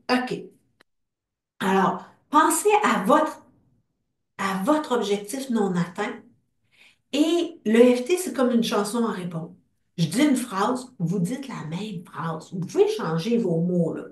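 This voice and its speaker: A woman with a Québécois French accent leading a guided group tapping session, speaking slow, calm phrases for others to repeat. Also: medium pitch. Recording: roomy sound from a distant mic.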